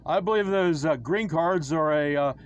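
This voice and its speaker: A man with a somewhat high voice talks through his own drawings in a casual, halting way, full of fillers and restarts. His tone is preachy and wry. A faint hiss of ambient noise sits under the recording. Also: lo-fi sound. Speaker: church critic presenting his own illustrations. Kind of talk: casual screen-share commentary.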